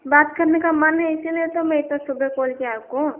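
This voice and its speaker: A young woman in a casual phone chat, bantering playfully and speaking loudly. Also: high voice, steady tone, moderate pace. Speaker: caller. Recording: tinny phone call recording.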